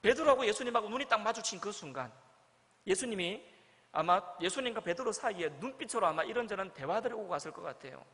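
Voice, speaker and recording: A man's voice: expressive, quick pace, fairly bright tone. A male pastor preaching a sermon, telling a story and acting out the quoted lines with dramatic swings. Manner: storytelling, acts out quoted lines with big swings in pitch and volume. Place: church sanctuary. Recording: church hall with long reverb.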